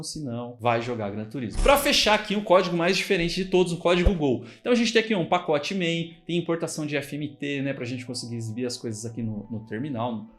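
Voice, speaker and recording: A man with a fairly high voice and a Brazilian Portuguese accent teaches programming in a screen-recorded tutorial, going through the code in a relaxed, talkative way. He often pauses to check in with the viewer.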